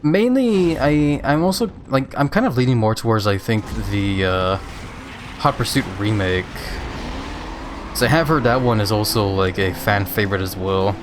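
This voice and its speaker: Laid-back low-voiced man streaming games. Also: normal speed, noisy background. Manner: laid-back, chatty, laughs often. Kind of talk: casual live-stream chat while gaming.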